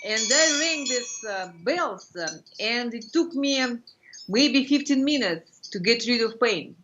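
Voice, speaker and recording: A middle-aged woman from Russia with a Russian accent, explaining things as an interview guest in halting, fragmented phrases, searching for words. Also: a little high, lively intonation, a bit bright, a little hiss or hum. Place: furnished room indoors. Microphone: video call computer microphone. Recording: muffled lo-fi video-call audio.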